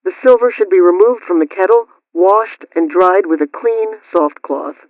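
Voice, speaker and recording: A man with a high-sitting voice reads scripted household advice like a radio host, posing a question and then answering it in a formal, instructional, carefully enunciated way. He talks at a normal speed. The recording is very noisy, with a dull, lo-fi, radio-style sound.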